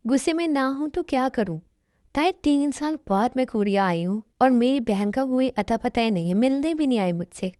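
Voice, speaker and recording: A woman's voice: a little high, animated, normal speed, warm tone, no echo, studio quality, close to an everyday voice. A woman voicing a bossy, teasing young sister who scolds, in a fan dub. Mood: annoyed.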